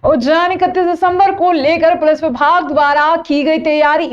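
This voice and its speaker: A woman with a high voice reads the local news in a formal, even newsreader style. The audio is dull and lo-fi. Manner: formal, steady newsreader delivery. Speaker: news anchor. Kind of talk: scripted news reading.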